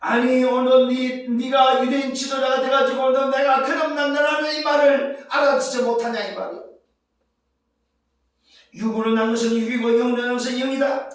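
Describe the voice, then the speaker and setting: A male pastor preaching a sermon, asking rhetorical questions, repeating his points and rising to shouts at the climaxes. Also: very high voice, flat delivery, normal speed. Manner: rhetorical questions and emphatic repetition. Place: church sanctuary. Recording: very echoey church sanctuary, distant mic.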